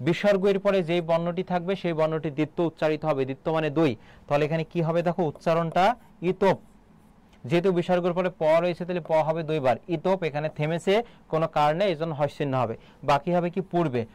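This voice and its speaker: Man teacher with a Bangladeshi Bengali accent, fairly high and smooth, drills students with questions. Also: fairly even intonation, quick pace, darkish tone. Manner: quizzing students with questions and repeating answers. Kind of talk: live online exam-prep class.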